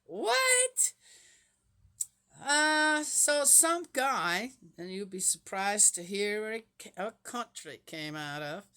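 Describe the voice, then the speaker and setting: This Swiss woman in her 60s talks casually and rambles through a Bible-reading vlog, quizzing viewers with rhetorical questions. Her mid-range voice swings widely in pitch, sounding pushed and bright, and she speaks slowly.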